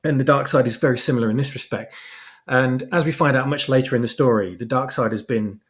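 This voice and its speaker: A fan fiction writer appears as an interview guest, laying out his ideas thoughtfully while searching for the right words. His voice is medium in pitch and he talks fast.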